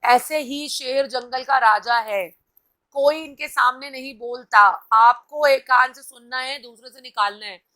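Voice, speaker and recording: A woman's voice: sits high, unhurried, pushed and bright. A woman host giving a live-stream motivational talk, coaching viewers directly and reading out their comments. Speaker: TV anchor and host.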